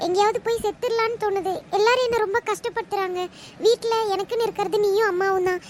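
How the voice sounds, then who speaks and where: A woman's voice: very high voice, fairly even intonation, fast, over music. A woman voicing a sad, unloved daughter in a cartoon, pleading and tearful. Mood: despairing.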